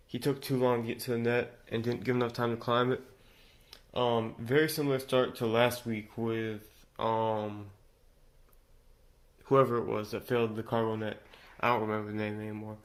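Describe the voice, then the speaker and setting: Man, congested, casual solo reviewer; rambling, restart-heavy delivery, ordinary middle pitch. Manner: rambling, many fillers and restarts. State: congested from recent illness. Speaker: show reviewer. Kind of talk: casual unscripted commentary.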